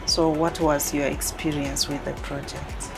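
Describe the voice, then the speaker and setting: A woman's voice: sits low, level tone, unhurried, gravelly, over music. A woman interviewer asking polite, formal questions.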